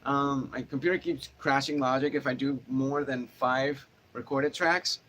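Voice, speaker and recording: A guitar teacher with a nasal voice answers viewer questions in a casual livestream from a small home studio with no air conditioning, sweaty from the heat. He rambles with lots of fillers and restarts, his medium-pitched, slightly bright voice steady and measured. A camera microphone records him, with faint noise from a running fan.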